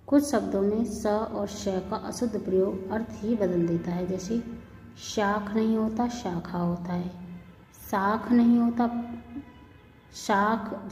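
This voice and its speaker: Slow, deliberate woman teaching spelling. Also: mid-range voice, warm tone, slight background noise. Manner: slow, deliberate word-by-word contrasts. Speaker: Hindi teacher. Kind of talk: spelling lesson. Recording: echoey room with long reverb.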